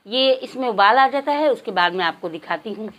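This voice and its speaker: A woman calmly talking viewers through a home recipe, step by step, as the host of a cooking channel. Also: fairly high pitch, a little fast. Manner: calm, instructive, addresses viewers directly.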